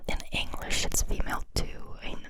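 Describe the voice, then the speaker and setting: An ASMR creator whispering trigger words over and over, with chatty asides. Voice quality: breathy unvoiced whisper. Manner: soft, slow repetitive whispering of single words; chatty asides between repetitions.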